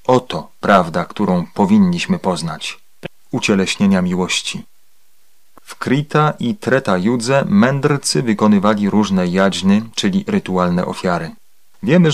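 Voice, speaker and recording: Man, lowish voice, formal read-aloud sermon, measured, solemn. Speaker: reader of a translated spiritual discourse.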